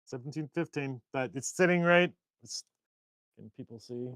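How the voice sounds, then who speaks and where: A man co-hosting a casual live stream from a shed workshop, talking in long rambling, animated stories. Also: mid-range voice, moderate pace, a crowd in the background. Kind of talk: casual chat.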